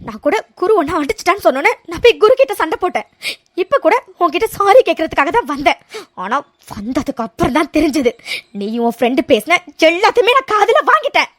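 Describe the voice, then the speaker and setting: A woman voicing a fierce young woman student in a cartoon serial, scolding in a shrill, indignant way. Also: very animated, fast talker, fairly bright tone, heavily acted. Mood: furious scolding.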